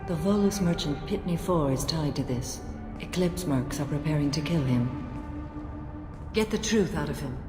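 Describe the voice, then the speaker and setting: A woman voicing a calm, rigid alien warrior-monk sworn to a code in a video game, speaking in a formal, measured way. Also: sits low. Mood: solemn, resolute. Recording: echoey hall, loud music behind.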